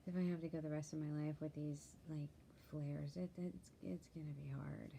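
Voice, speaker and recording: A tired woman giving a candid personal vlog update in a soft, worried voice, often dropping into whispers and yawning. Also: deep voice, flat delivery, moderate pace, creaky, slight background noise. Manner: tired and worried, soft-spoken, many ums, drifts into whispers. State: sleepy, yawning. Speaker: vlogger sharing a health update.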